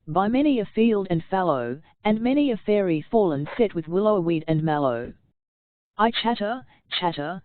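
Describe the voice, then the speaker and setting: A woman reading verse and instruction aloud as an audiobook narrator, in a slow, measured recitation. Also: fairly low pitch, no room sound. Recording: tinny phone-like sound, dry.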